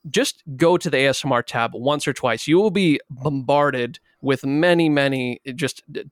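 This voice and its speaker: A man's voice: medium pitch, normal speed, no echo, clean studio sound. A man co-hosting a casual comedy podcast in a teasing, mock-serious way. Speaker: podcast co-host.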